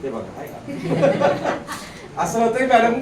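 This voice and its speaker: A man's voice: extremely high pitch, huge pitch swings, slow, reverberant, recorded from a distance, a crowd in the background, poor audio. A man teaching Marathi grammar in a classroom lecture, often putting questions back to the class and coaxing them along.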